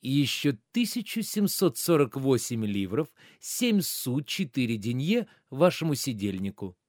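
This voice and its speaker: A man's voice: mid-range voice, big pitch swings, unhurried, darkish tone, dry recording, clean studio sound, voice pushed up. A man reading a stage play aloud, voicing a gullible, eager middle-aged bourgeois who fawns over a noble. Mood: reckoning.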